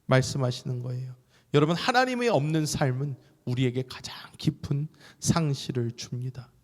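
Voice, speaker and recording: A male pastor preaching a sermon with animated delivery, sometimes shouting out loud cries. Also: mid-range voice, moderate pace, in a large hall. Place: church sanctuary.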